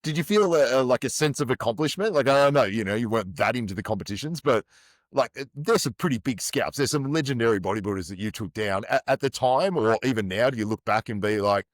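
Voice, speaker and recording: A man's voice: medium pitch, lively intonation, fast, dry recording, studio quality. A man hosting a podcast interview, asking loose, rambling questions full of fillers. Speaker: podcast host.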